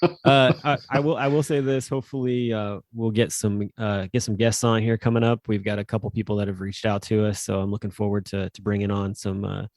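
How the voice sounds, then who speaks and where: Gravelly-voiced casual podcast dad. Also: male voice, fairly low pitch, level tone, fairly quick, a little mellow, no room sound, clean studio sound. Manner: rambling storyteller, many fillers and restarts. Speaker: podcast co-host. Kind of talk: casual chat.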